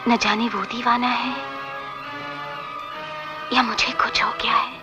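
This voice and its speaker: An actress playing a gentle young princess who talks in a soft, pleading way. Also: female voice, a little high, little pitch movement, slow pace. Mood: troubled. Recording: film soundtrack with music behind.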